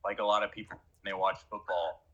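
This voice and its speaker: Brief: talkative guest, husky tone, energetic and repetitive phrasing. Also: male voice, low-pitched, fast, muffled recording. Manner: rambling, emphatic, many restarts. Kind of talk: casual conversation.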